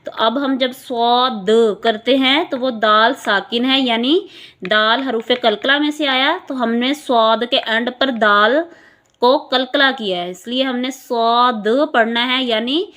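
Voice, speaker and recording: Woman, Pakistani Urdu accent, Quran reading teacher, patient drilling of syllables, slightly high voice. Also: sharp tone. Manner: patient, repeats syllables slowly for learners to follow. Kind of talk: teaching Quranic recitation rules.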